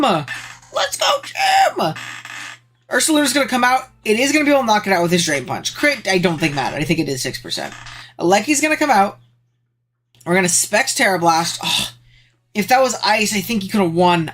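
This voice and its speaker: This is a streamer doing casual live commentary on a game match. The language is slangy and excitable, and the voice spikes high when thrilled.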